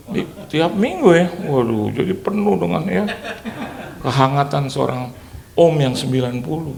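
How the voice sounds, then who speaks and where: A male pastor preaching with a gravelly, slightly high voice that rises and falls freely. He tells stories with humor and keeps drawing in the congregation with questions. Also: slight background noise. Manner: lively, joking storyteller who engages the congregation. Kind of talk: sermon.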